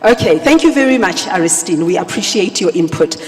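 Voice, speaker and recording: A woman's voice: fairly low pitch, animated, a little fast, darkish tone. Woman moderating in a big reverberant hall. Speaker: panel moderator. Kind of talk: live stage hosting and questioning. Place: large conference hall stage. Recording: echoey hall sound over PA.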